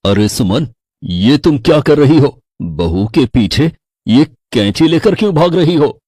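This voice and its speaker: A man's voice: mid-range voice, big pitch swings, unhurried, dark tone, husky, no echo, studio quality. A man voicing an alarmed older father-in-law in a storybook tale, startled and questioning.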